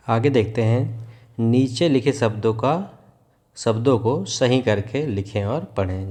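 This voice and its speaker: A male teacher giving a worksheet lesson to young children, patiently explaining and repeating words slowly for pupils to echo. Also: lowish voice, dark tone.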